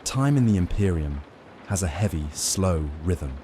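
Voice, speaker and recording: Really deep dark-voiced guy reading a sleep story, slow n gentle, soothing. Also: animated, a little hiss or hum. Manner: gentle, measured, hushed lulling delivery. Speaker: narrator of bedtime lore stories.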